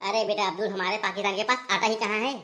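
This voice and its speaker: A woman's voice: medium pitch, fairly even intonation, quick pace, a bit bright, close to an everyday voice. A woman voicing a scheming 60-year-old man in a cartoon comedy, bossy and lecturing. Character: scheming 60-year-old male infiltrator, the uncle.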